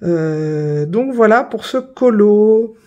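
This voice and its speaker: Here the same kind of casual show-and-tell comes from a woman who colors as a hobby and vlogs about it, presenting completed pages slowly and haltingly with lots of fillers and corrections. She has a warm, mid-range voice with lively intonation, though the audio sounds muffled.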